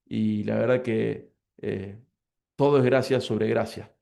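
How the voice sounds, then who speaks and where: Casting: Argentine man in his forties, pastor, gravelly voice, earnest and grateful. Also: lowish voice, fairly even intonation, takes it slowly, dark tone. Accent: Argentine Spanish (Córdoba). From Córdoba, Argentina. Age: 40s. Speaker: pastor and lecturer. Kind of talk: prayer and interview answers.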